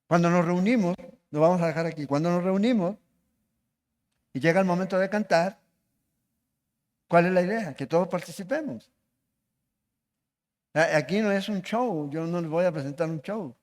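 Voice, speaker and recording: A man's voice: high voice, normal speed, long pauses, a little mellow. A man preaching a sermon as pastor, asking the congregation questions as he goes. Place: church hall. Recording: long reverb of a church hall.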